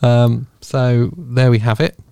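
A man's voice: mid-range voice, steady tone, slow, gravelly, dark tone, smooth, dry recording. A man co-hosting a podcast in casual chat at a studio microphone, joking, laughing often and restarting his sentences. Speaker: podcast co-host.

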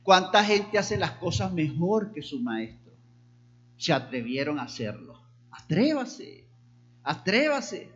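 A middle-aged man preaching a sermon, animated, sometimes mimicking hesitant congregants in a higher voice. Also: slow pace, muffled recording. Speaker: pastor.

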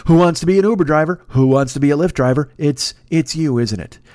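A man with a fairly high voice hosts a comedy podcast and runs through his own plugs. He talks bluntly and casually, with a bit of swearing. His voice sounds dry and close, with no room in it. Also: fast talker, a little mellow, dry recording. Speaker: podcast host. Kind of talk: casual self-promotion plugs.

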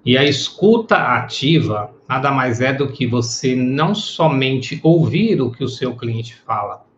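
A man's voice: medium pitch, lively intonation, a little slow, a little hiss or hum. A man teaching psychoanalysis in a live-streamed lecture, explaining patiently and checking in with listeners with short tag questions. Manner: explanatory, greets viewers by name, tag questions. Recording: echoey, dull lo-fi room sound.

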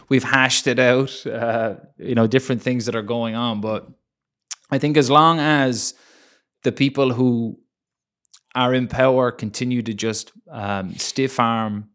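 A young adult Irish man co-hosts a podcast, chatting casually about local politics in a mid-pitched voice with a fairly bright tone. He rambles loosely, packing in fillers like "you know" and "um." His sentences keep circling back as he restarts them.

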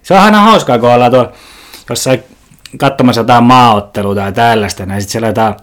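A man hosting a podcast alone, rambling and sarcastic, swearing and leaping into a mock-indignant high voice. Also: a bit bright. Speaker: podcast host. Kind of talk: casual comedic monologue.

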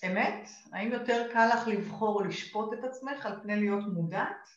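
A woman with an Israeli accent and a medium-pitched voice leads a live session as a coach and course teacher, speaking emphatically, addressing listeners and often checking in with short questions. The audio is dull lo-fi with an echoey room sound.

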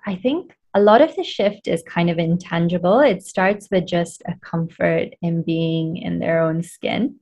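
A woman guest in an interview, a coach explaining her work in a thoughtful, measured way. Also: on the low side, darkish tone. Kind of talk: conversational interview.

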